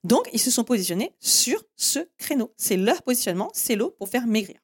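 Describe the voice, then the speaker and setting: A woman's voice: a little high, very animated, brisk, slightly rough. French-speaking woman teaching marketing. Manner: direct, explanatory, with frequent "en fait" and "eh bien"; addresses listeners with firm instructions. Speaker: marketing podcast host. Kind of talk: solo podcast teaching marketing.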